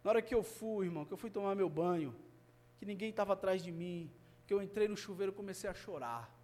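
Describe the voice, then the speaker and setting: A man with a Brazilian Portuguese accent preaching a sermon and sharing a personal testimony, his delivery swinging between hushed and fervent. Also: high voice, fast talker. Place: family church service.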